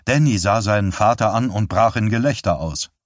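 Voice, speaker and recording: A man's voice: on the low side, moderate pace, no echo. Man narrating an audiobook, dry and close.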